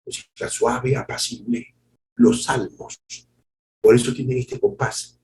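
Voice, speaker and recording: A man, preaching a sermon in an animated way, repeating words and acting out quotes. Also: mid-range voice, slow pace, rough recording. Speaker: pastor.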